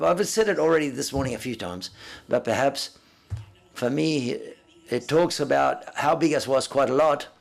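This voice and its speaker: A man interprets live at a press conference, rendering others' words in first person. He speaks haltingly and often corrects himself, in a creaky, mid-range voice.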